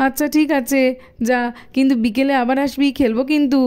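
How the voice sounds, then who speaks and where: Woman doing a sulky little boy, high and fast, grumbles a lot, doll cartoon. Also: steady tone, darkish tone, lightly acted. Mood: casual. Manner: whiny, grumbling. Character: young village boys, sulky, complaining.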